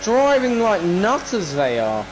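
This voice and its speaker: A man's voice: high-pitched, wildly swooping pitch, a little slow. A British man giving casual, grumbling, exasperated commentary while playing a racing game. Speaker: gamer, video creator. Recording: racing car noise behind voice. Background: racing game engine sound.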